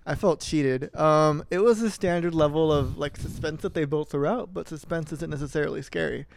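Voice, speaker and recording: A man co-hosting a podcast in a casual review chat, with a deadpan, skeptical way of talking. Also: a little high, moderate pace, vocal fry, a little hiss or hum. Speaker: podcast co-host.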